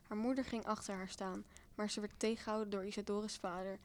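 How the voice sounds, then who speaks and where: A young woman reads a homemade children's story aloud in a voice of middling pitch. She reads with lively expression and raises her voice in the quoted lines. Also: fast talker, a little hiss or hum.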